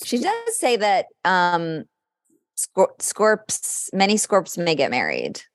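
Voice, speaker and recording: This podcast co-host has a lowish voice with wildly swooping pitch, and she takes her time. She reads horoscopes aloud during casual banter, conversational but with moments of drama.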